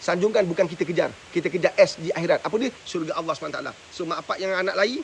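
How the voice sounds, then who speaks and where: A man's voice: sits high, racing, gravelly, slight background noise. A man, a madrasah religious teacher giving parenting advice on a live stream, preachy and forever asking his listeners whether they understand. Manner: preachy, keeps asking rhetorical questions. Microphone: live stream mic with faint hiss.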